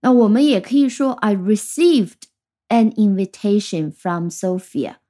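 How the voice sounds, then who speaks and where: Mellow-voiced woman teaching vocabulary. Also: mid-range voice, animated. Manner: clear, patient explaining, slows down for English example sentences. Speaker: English teacher. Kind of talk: vocabulary lesson.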